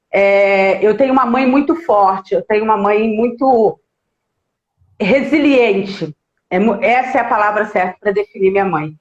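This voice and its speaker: Joining a live stream as a guest, a woman from Minas Gerais, Brazil, with a high-pitched voice keeps things casual and chatty, stopping to say hello to viewers by name. She comes through a video call that sounds echoey and roomy, muffled and dull in tone.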